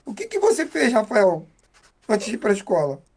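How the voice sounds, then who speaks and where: A man with a Brazilian Portuguese accent giving a heartfelt, halting faith testimony as an interview guest. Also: high-pitched, wildly swooping pitch, darkish tone, breathy edge.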